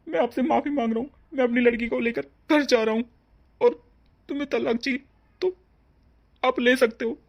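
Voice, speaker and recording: A woman's voice: on the high side, moderate pace, long pauses, lo-fi sound. A woman voicing a grieving father in a cartoon drama. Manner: pleading, heavy and grief-stricken. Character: grieving middle-aged father of the bride. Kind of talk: cartoon family drama dub.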